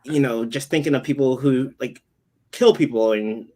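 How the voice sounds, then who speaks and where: A man's voice: mid-range voice, moderate pace, warm tone. A man co-hosting a podcast, rambling with lots of fillers and tangents. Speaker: podcast co-host. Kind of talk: casual podcast chat.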